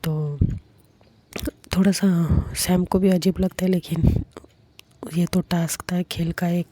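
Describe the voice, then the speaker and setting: Husky woman telling a story softly. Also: lowish voice, level tone, unhurried, no room sound. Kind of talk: storytelling narration.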